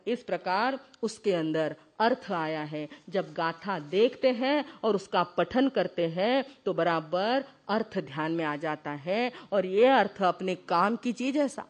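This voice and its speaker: A woman's voice: fairly low pitch, lively intonation, slow, hardly any pauses. A woman giving a Jain devotional discourse, explaining verses and asking her listeners questions. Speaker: Jain religious teacher.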